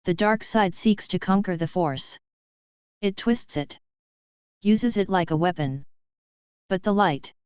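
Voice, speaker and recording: A woman voicing a gentle, quietly persuasive man in a fan-fiction audio story. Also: fairly low pitch, slow pace, pauses often, clean tone, dry recording. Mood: earnest. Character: gentle light-side man, calm persuader. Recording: slightly dull, dry recording.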